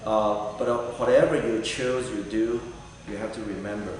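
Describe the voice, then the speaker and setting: Middle-aged candidate, halting and earnest, lowish voice, picked up far off in a noisy hall. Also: male voice, steady tone. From Taiwan. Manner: earnest, halting, many fillers. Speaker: political candidate. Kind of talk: answering vetting panel questions. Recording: echoey hall recorded from afar.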